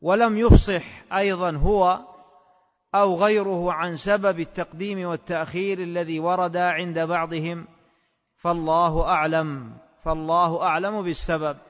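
A man teaching a class on a classical text in a measured, scholarly way, repeating phrases slowly as if for dictation. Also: high voice, fairly even intonation, long reverb tail. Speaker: teacher of hadith commentary.

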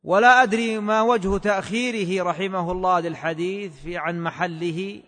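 A man teaching a class on a classical text in a measured, scholarly way, repeating phrases slowly as if for dictation. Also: high-pitched, steady tone, a bit bright, big-room sound. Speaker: teacher of hadith commentary.

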